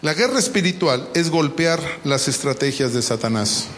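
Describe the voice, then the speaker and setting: A man's voice: fairly high pitch, expressive, normal speed, a bit bright, slight background noise. A pastor preaching a sermon in a church, emphatic, quizzing his congregation with questions as he teaches. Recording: long reverb of a large hall.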